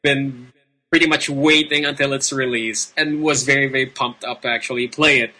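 A Filipino man hosts a casual gaming show. His mid-pitched voice is very bright and sharp, with a Filipino accent. He rambles unscripted and leans emphatically on repeated words. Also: steady tone, moderate pace, rough recording. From Philippines. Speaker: video game show host. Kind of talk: casual, unscripted game commentary.

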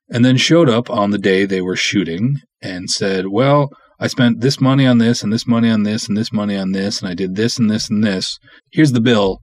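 Recorded dry with no room sound, this lowish male voice carries a breathy edge. Hosting his own podcast alone, the independent writer-director dishes out frank, forceful opinions and plays out pretend conversations to make his points.

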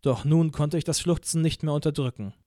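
A man narrating a novel in first person with a fairly high, expressive voice. He acts out the dialogue with feeling. The recording is close and dry, with no room sound. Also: brisk, no echo. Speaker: audiobook narrator.

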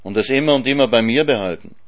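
A man's voice: medium pitch, fast, voice pushed up, close to an everyday voice. A man voicing a greedy, moaning male hyena in a storybook reading, with a plaintive, pleading tone. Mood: wheedling.

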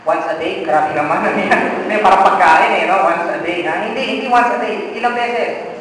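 A priest preaching a sermon, joking and teasing the congregation with quoted voices. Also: male voice, high voice, moderate pace, background noise. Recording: echoey hall, mic far off.

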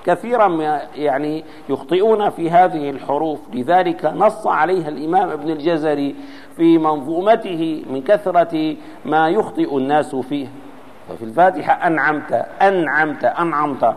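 A man's voice: on the high side, brisk, a little mellow, a little hiss or hum. A man giving an Islamic jurisprudence lesson, explaining step by step, quoting texts and demonstrating how letters should be pronounced. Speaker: religious teacher. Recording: long reverb of a large hall.

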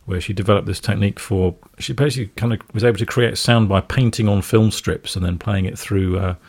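A man with a lowish, husky voice hosts a relaxed music radio show. He chuckles between thoughts and feels his way through sentences with plenty of ums and uhs. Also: fast. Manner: chuckles often, hesitant with many fillers.

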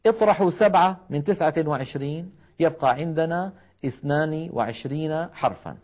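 Man, recitation teacher, studio television lesson, fairly high voice, demonstrates syllables over and over, coaxes viewers to repeat. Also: normal speed, a little mellow. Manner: repeats letter syllables to demonstrate, urges viewers to try at home.

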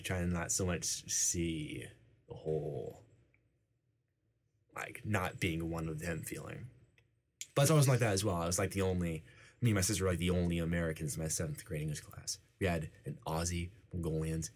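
A young man whose first language was Icelandic chats casually in an interview, peppering his speech with "like." His voice is low, darkish in tone and slightly rough, and he speaks at a moderate pace.

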